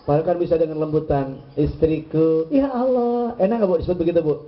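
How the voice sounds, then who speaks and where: Man preacher, high and swooping voice, playful and teasing; muffled lo-fi recording. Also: expressive, fast. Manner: playful, teasing, acts out voices of husbands and wives. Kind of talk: lively sermon to a women's gathering.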